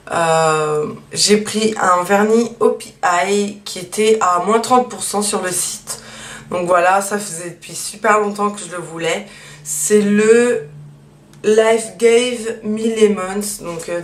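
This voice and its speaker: A woman chatting casually through a beauty haul, with lots of fillers and a steady stream of small asides. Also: on the low side. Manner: chatty, many fillers and "donc voilà". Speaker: beauty vlogger. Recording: echoey room, mic at a distance, faint hiss.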